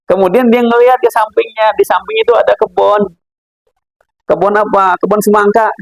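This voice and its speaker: A man's voice: high voice, steady tone, brisk, vocal fry, no echo, poor audio. A man giving a casual religious lesson, chatty and laughing often as he acts out characters in his stories. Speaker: Islamic philosophy teacher. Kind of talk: casual religious lecture with anecdotes.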